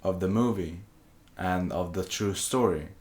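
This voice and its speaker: A young man with a strikingly low, deep voice talks casually about films, and Swedish is his first language. He hesitates a lot, restarting sentences and hunting for words as he goes. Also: unhurried. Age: young adult. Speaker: podcast co-host, film student. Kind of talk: casual film discussion.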